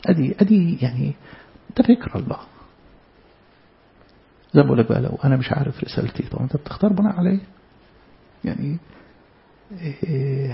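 A man with an Egyptian Arabic accent teaches from the Bible in a chatty, questioning way. His voice is strongly gravelly and sits a little high. The recording sounds dull and lo-fi. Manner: conversational, asks rhetorical questions. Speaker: preacher.

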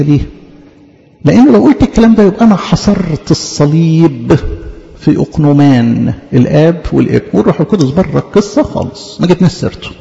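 A man with an Egyptian Arabic accent and a gravelly, warm voice on the high side delivers a teaching sermon. He argues through rhetorical questions and emphatic, repeated denials, recorded in an echoey hall with dull, lo-fi sound.

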